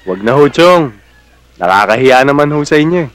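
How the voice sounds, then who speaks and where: An actor playing a modest, respectful young provincial nephew in a Filipino film drama, speaking plainly with a Filipino accent. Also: male voice, mid-range voice, animated, normal speed, dry recording, natural voice. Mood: sheepish. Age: young adult.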